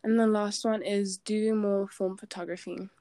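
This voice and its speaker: A woman's voice: medium pitch, steady tone, normal speed, mellow, smooth, no room sound. Chatty woman, dry close sound. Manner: chatty, peppered with "like". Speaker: podcast co-host. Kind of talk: casual chat.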